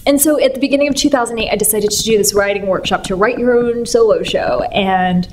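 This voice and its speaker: A woman's voice: fairly high pitch, fast talker, darkish tone, a little hiss or hum. A woman from San Francisco, a stage artist, being interviewed and speaking in a chatty, rambling way with many fillers. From San Francisco, United States. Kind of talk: casual interview.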